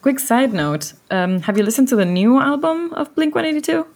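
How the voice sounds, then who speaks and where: Woman co-host with quick follow-ups. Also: high-pitched, animated, a little mellow. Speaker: podcast co-host. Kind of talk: casual interview chat.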